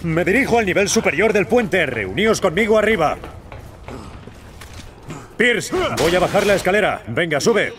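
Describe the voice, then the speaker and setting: Guy doing a resolute army captain, castilian spanish, kinda high voice, battle noise behind. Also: big pitch swings, moderate pace, pauses often. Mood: focused command. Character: commanding military captain, loyal and resolute.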